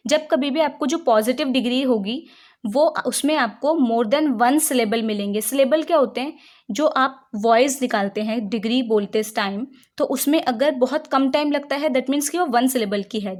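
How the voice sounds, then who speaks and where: A woman teaching English grammar in Hindi. She reads each rule slowly in English, then explains it in Hindi with rhetorical check-in questions. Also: fairly high pitch. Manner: patient, checks understanding with frequent rhetorical questions.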